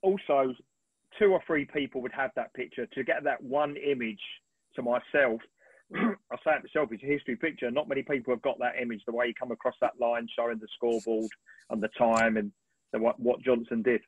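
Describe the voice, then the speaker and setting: Husky-voiced man on a tinny call. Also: mid-range voice, fairly quick, no room sound. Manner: animated, rambling storyteller with frequent throat clearing. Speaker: sports photographer guest. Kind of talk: relaxed anecdotal storytelling on a webinar. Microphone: video call. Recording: tinny, dry video-call audio.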